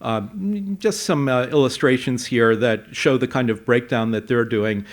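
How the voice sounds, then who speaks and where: A man presenting a conference talk, explaining with a measured pace and frequent fillers. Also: mid-range voice, steady tone. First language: English. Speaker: conference speaker. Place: conference hall.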